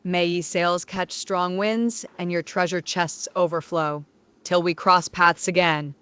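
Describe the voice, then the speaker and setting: Synthetic voice as a cheery pirate AI, bright and smooth, piles on the pirate slang. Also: medium pitch, steady tone, unhurried. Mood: hearty farewell. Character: jolly pirate-talking AI voice agent.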